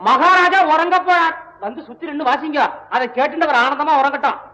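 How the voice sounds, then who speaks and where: A man's voice: very high-pitched, brisk, sharp tone, dull audio, full character voice. An actor playing a scheming, wheedling comic middleman in old film dialogue. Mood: mocking. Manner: wheedling, plotting. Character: scheming fast-talking comic middleman, adult male.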